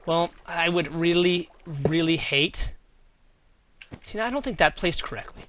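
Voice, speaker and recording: A man's voice: fairly high pitch, unhurried, fairly bright tone, no room sound. A man giving casual gameplay commentary as host, thinking aloud and answering his own questions as he goes. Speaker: gaming video host.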